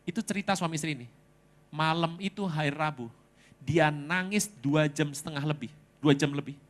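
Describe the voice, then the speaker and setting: A male pastor preaching a sermon, telling stories in a lively, humorous way with dramatic swings. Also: on the high side, moderate pace.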